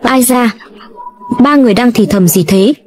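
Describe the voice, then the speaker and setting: A woman's voice: a little high, normal speed, a little mellow. A woman evenly reading a dubbed drama. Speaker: drama recap narrator.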